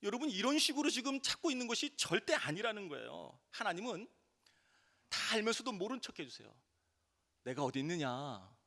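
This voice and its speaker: Lively high-voiced preacher in a reverberant church. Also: male voice, fairly quick, vocal fry. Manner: animated preaching, acts out quoted voices. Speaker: pastor. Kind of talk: sermon.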